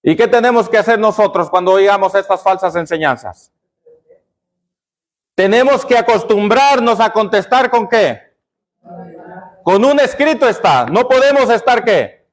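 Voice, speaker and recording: A man's voice: high-pitched, lively intonation, a little slow, long pauses. A man pastor preaching a sermon, constantly asking the congregation questions and answering them himself. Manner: call-and-response questioning of the congregation.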